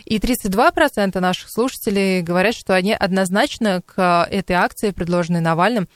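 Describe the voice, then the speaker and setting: A man's voice: high-pitched, fairly quick, no echo. A man hosting a radio talk show, conversational, hesitating and correcting himself as he goes. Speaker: radio host. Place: radio studio.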